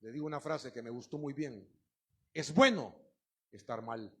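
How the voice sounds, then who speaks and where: A middle-aged man preaching a sermon, emphatic and swinging between loud outbursts and hushed asides. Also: mid-range voice, fairly quick, husky.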